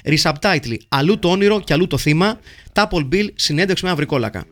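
A man with a slightly high, expressive voice hosts a podcast, reading listener messages aloud in a jokey, playful way. He speeds through lists of names.

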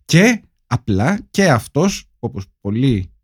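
A man's voice: mid-range voice, big pitch swings, slightly rough, dry recording. A man co-hosting a casual film podcast, retelling the story with dry humor. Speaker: podcast co-host. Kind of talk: casual comedic film-review chat.

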